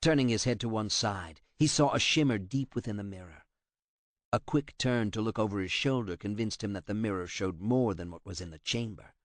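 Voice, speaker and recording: A man narrating an audiobook with a dramatic, expressive delivery. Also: lowish voice, a little fast, dry recording.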